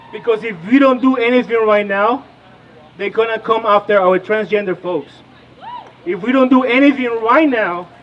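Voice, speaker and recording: A political organizer from Peru, in his thirties, delivers a fiery, crowd-questioning speech outdoors at a rally. His voice sits high, captured on lo-fi sound.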